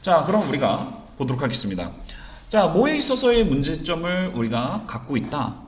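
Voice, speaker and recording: A man teaching an exam-prep English reading lesson in Korean. He keeps asking rhetorical questions and answering them himself, and he reads the English sentences slowly and deliberately. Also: on the high side, wildly swooping pitch. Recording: roomy echo.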